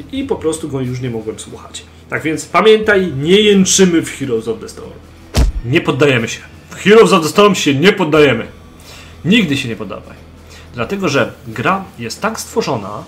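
A young man giving game tips in a voice-over, speaking straight to the viewer and urging them on with emphasis. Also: medium pitch. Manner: emphatic, exhorting, addresses the viewer directly. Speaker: gaming channel host.

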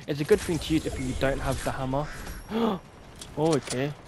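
A young man, giving chatty, casual commentary on his own gameplay and getting quickly annoyed when things go wrong. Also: mid-range voice, very noisy. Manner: excitable, easily annoyed, chatty. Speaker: gameplay streamer. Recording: game music loud in background. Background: loud game music.

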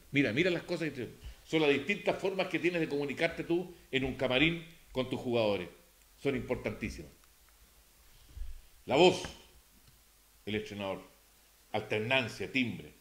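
A man's voice: a little high, a bit bright. A man with a Chilean accent giving an informal lecture on coaching football, emphatic and repetitive, acting out examples as he goes.

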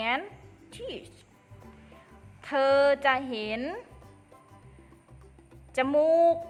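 A woman teaching an English lesson to children, explaining slowly and carefully and addressing them fondly. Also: a little high, fairly bright tone. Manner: slow, careful explaining, addresses pupils as "ลูก". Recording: long reverb with faint music.

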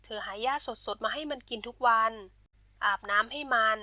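A woman narrating a bedtime storybook in a gentle, steady and expressive way. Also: a little high, normal speed, no echo.

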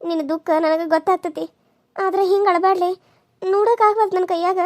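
Woman voicing a grieving first wife, cartoon serial, very high voice, tearful, bitter. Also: fairly even intonation, brisk, no room sound, clean studio sound.

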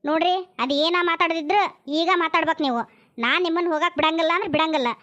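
A woman's voice: very high voice, quick pace, fairly bright tone. A woman with a North Karnataka accent playing a quarrelsome village woman who scolds sharply and then pleads tearfully, in a comedy drama. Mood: scolding. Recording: dull lo-fi sound.

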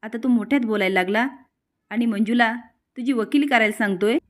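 A woman's voice: a little high, a little fast, close to an everyday voice. A woman reading the lines of an angry mother who scolds her son and her mother-in-law. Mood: scolding. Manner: sharp, scolding.

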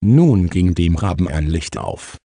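A man with a deep, dark and mellow voice reads a children's story in a calm, unhurried manner. The recording is close and dry, with no room sound. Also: vocal fry, no room sound. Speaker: audiobook narrator. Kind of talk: children's audiobook narration. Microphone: close studio mic, dry.

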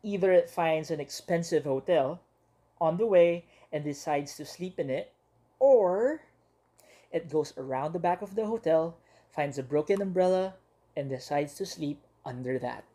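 A woman teacher reads a children's picture book aloud with lively expression and dramatic pauses. Her voice sits slightly low and has a warm, mellow tone. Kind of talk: storybook read-aloud for young children.

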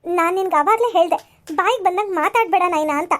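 Woman doing a cartoon younger sister, very high voice, fretful, rambling. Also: fast, no echo, clean studio sound.

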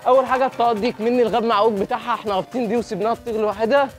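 Fast-talking excitable Egyptian man. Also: extremely high pitch, music in the background. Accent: Egyptian Arabic. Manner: excitable, with loud exclamations and repeated cries. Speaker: kite-flying vlogger. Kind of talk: excited outdoor commentary.

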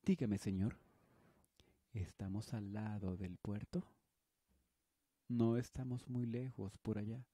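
Runaway teen girl, polite yet stubborn, voiced by a man, slow and husky, storybook reading. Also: on the low side, steady tone, dark tone, no room sound. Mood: pleading.

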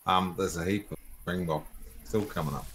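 A man's voice: low voice, steady tone, moderate pace, fairly bright tone, breathy edge. A man with an Australian accent chatting easygoingly while playing a hunting game with a friend. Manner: easygoing, apologetic. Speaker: co-player on stream. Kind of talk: casual gameplay chat.

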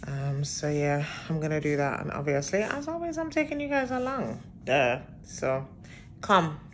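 A woman's voice: low voice, normal speed, noisy background. A woman in her thirties chatting casually to viewers as a vlogger, filming on a phone held at arm's length at home. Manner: chatty, relaxed, direct address to viewers. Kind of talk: casual vlog talk to camera. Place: apartment indoors.

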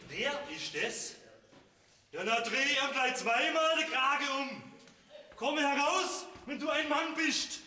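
A ranting jealous Swabian. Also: male voice, high-pitched, animated, a little slow, pushed and bright, full character voice. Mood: raging. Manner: agitated, ranting, theatrical outbursts. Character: excitable jealous Swabian man, middle-aged. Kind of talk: stage folk comedy. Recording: roomy stage sound from a distance.

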